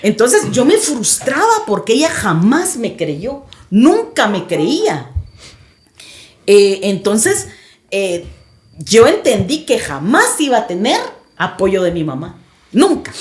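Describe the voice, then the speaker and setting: A woman's voice: medium pitch, wildly swooping pitch, slow pace, roomy sound. A woman guest on a podcast recounting a personal experience in vivid, dramatic storytelling.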